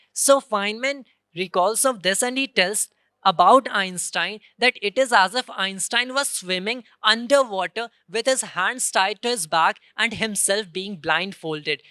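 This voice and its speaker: A woman giving an earnest science presentation on stage, explaining step by step and quickly correcting herself mid-sentence. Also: medium pitch, bright, forceful tone, no echo. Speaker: student presenter. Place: convention centre stage.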